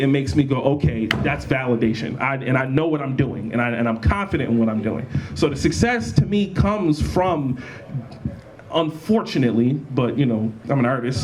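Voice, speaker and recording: Animated young man on a panel. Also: medium pitch, noisy background. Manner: animated, laughs often, many restarts. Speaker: panelist, battle rapper. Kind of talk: panel talk at a convention. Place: college event room.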